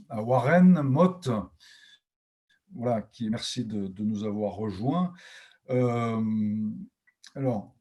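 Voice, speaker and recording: A man moderating a literary discussion panel, speaking haltingly with many fillers. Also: mid-range voice, dark tone.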